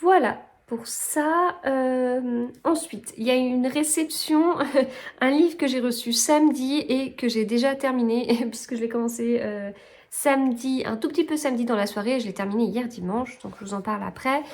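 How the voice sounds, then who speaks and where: A woman talking about books in a casual vlog, her voice sitting a touch high. She chats on loosely, trailing off and restarting her sentences as she corrects herself. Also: moderate pace, darkish tone. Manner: chatty, rambling, self-correcting. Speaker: book vlogger. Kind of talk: casual book chat.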